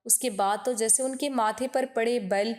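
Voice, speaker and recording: A woman's voice: fairly high pitch, steady tone. A woman telling an emotional first-person story in an earnest, scripted reading.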